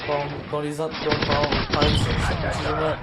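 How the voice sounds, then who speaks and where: A sixteen-year-old boy from Paris, France, gives casual, stumbling, apologetic video game commentary at a moderate pace, his somewhat high voice completely flat. Heavy background noise comes from loud music and in-game gunfire.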